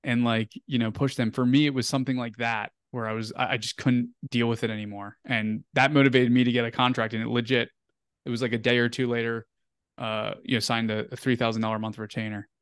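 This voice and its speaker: A man's voice: medium pitch, level tone, fast, clear, resonant tone, no echo, clean studio sound. A young man telling a story as an interview guest, casual and rambling, full of "like" and "um". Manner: rambling, filler-heavy, "like" and "um" often.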